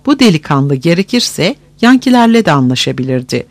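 A man narrating an audiobook in an expressive, measured storytelling manner on a close studio mic. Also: a little high, dry recording.

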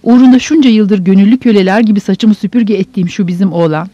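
A woman voicing a sharp-tongued, bossy older sister who scolds and nags sarcastically, in a dull, dry audiobook recording. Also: medium pitch, fast, no echo, close to an everyday voice. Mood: scolding.

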